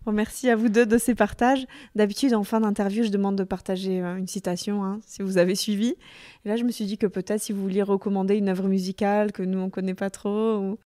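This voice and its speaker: A woman hosts a podcast interview and asks questions with short, encouraging replies. Her voice is mellow. The recording is dry and close. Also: medium pitch, level tone, brisk, dry recording. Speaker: podcast host.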